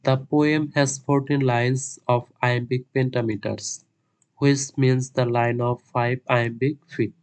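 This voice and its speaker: Slow, flat-voiced male tutor. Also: mid-range voice. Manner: dictates English answers word by word, then explains in quick Bengali. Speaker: teacher. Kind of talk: exam lesson, reading English slowly and explaining in Bengali.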